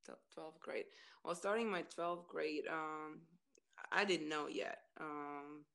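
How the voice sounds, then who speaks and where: A woman with a Latvian accent speaks in a low, smooth voice. She talks freely in a casual interview, repeating words as she looks for the next one. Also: steady tone, takes it slowly, fairly bright tone. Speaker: interview guest, former college basketball player.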